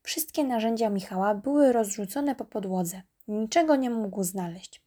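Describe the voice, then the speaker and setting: A woman narrating a children's storybook in a calm, even reading voice. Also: medium pitch, normal speed.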